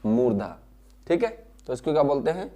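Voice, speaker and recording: A male teacher gives a classroom lesson at a measured pace. He sounds out syllables one at a time and repeats each key term. He often asks a question and answers it himself. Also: medium pitch, big pitch swings, warm tone. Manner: explains slowly, repeats key terms and answers his own questions.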